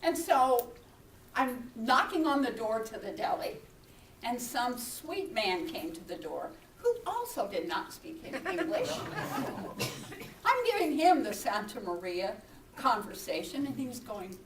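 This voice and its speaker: A high, lively woman's voice tells a personal story from the pulpit, unhurried and full of swings from hushed to loud. She sounds a little distant in an echoey church hall with a faint hum behind her. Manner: animated, acts out her own frantic shouts and whispers. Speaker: minister. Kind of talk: sermon storytelling.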